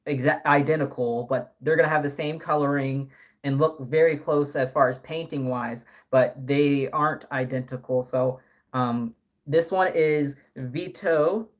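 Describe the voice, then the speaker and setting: A man's voice: a little high, a bit bright. A man in his early twenties chatting casually on a live stream, rambling with many fillers and self-corrections. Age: early 20s. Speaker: live streamer and doll artist.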